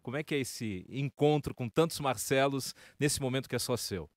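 A man's voice: medium pitch, moderate pace, dry recording. A man interviewing a musician on the radio, asking long winding questions that he keeps tagging for agreement. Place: radio studio.

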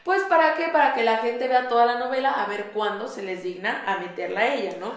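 A woman's voice: on the high side, fairly quick. A young Mexican woman co-hosting a gossip show, chatting casually with lots of fillers in a small studio. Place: small studio on a pink sofa. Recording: roomy echo.

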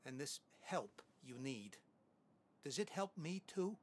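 An actor playing a wary, guarded man in a video game, measured and firm. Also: mid-range voice, very animated, a little hiss or hum. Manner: slow, measured, refusing. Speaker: game character.

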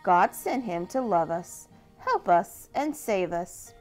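A woman voicing a wise, gentle male donkey who speaks low and slowly. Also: expressive, faint music behind. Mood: tender. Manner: low and slow-spoken.

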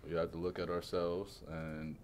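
A young college player answers questions in a deep, even voice with little lift. He speaks softly and leans on filler phrases between thoughts. A faint hum sits under the room. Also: normal speed. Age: 20s. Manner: soft-spoken, leans on you know. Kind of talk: postgame press conference answers. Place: press conference room.

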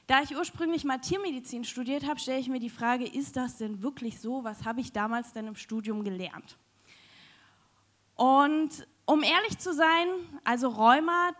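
A woman's voice: high-pitched, fairly bright tone. A young woman giving a chatty, joking science slam talk on stage into a handheld mic, with many fillers. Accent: German. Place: large dim hall with audience.

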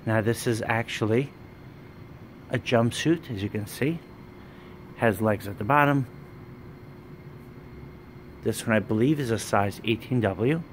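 Man giving a warehouse walkthrough pitch. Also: measured pace, long pauses, a little hiss or hum. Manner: plain, listing items one by one. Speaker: wholesale business owner. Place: indoor warehouse with dress racks. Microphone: handheld phone camera, speaker off screen.

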